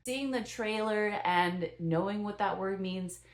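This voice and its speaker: A woman's voice: medium pitch, measured pace. A young adult woman giving her casual first impressions of a film in a chatty, rambling way, full of fillers and self-corrections. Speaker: movie reviewer.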